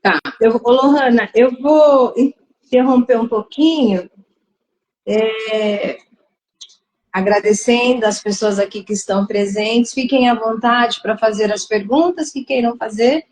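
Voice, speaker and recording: A woman hosting a live discussion, speaking reflectively and pausing to search for her words. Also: a little high, a little mellow, rough recording.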